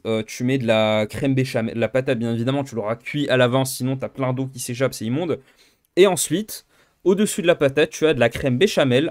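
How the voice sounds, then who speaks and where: A man's voice: mid-range voice, a little mellow. Young male YouTuber, casual Q&A chat, loose and self-deprecating, lots of "euh" and restarts. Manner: rambling, self-mocking, many fillers and restarts. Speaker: YouTuber answering viewer questions. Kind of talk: casual Q&A monologue.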